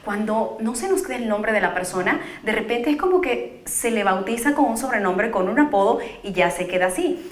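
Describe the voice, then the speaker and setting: A woman's voice: on the high side, fairly quick, hardly any pauses. Lady host, asks lots of questions, upbeat, roomy echo. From Guatemala. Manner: lively, curious questioning. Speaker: TV talk show host. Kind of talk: talk show interview.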